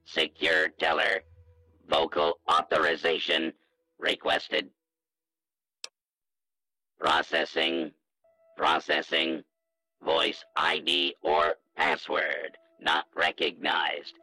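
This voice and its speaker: A male-sounding automated bank-teller computer with a synthesized voice, making slow, clipped machine announcements. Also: very deep voice, completely flat delivery, creaky, pushed and bright.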